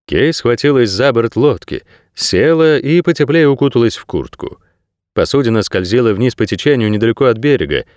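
A man narrating an audiobook in a measured, expressive storytelling voice. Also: medium pitch, no echo, clean studio sound. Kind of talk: scripted narration.

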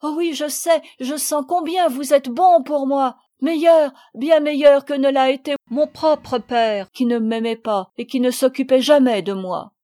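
A woman's voice: high-pitched, unhurried, few pauses, mellow, pitched above the performer's own voice. Woman voicing an earnest young boy. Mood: tearful fervent. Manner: pleading, tender.

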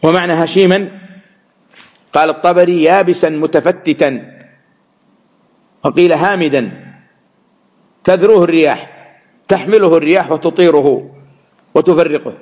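A man teaching Quran commentary, measured and repeating words to stress them. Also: a little high. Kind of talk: religious lesson explaining verses.

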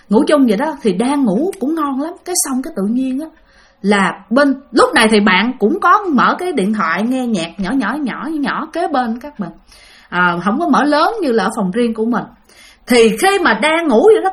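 A woman's voice: a little high, a bit bright. A woman telling a listener's ghost story, acting out the quoted voices as she goes. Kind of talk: spoken ghost-story narration.

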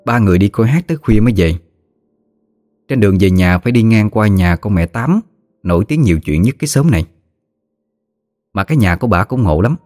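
A man with a Southern Vietnamese accent narrating a story in a lively, slangy, teasing way. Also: on the low side, brisk, long pauses, no echo, clean studio sound. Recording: faint music behind.

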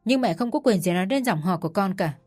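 A woman voicing a defiant young wife who answers back in firm, measured words. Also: medium pitch, lively intonation, a little mellow, soft background music, close to an everyday voice. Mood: firm defiance.

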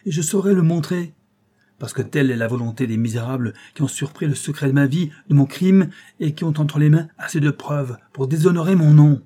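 A man's voice: medium pitch, moderate pace, mellow, natural voice. A man reading an audiobook, voicing an enraged, guilt-torn aristocratic count who speaks with vehement, bitter anguish. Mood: furious.

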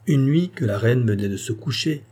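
A man narrating a classic novel as an audiobook, reading in a measured, solemn way. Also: mid-range voice, expressive, darkish tone, slightly rough.

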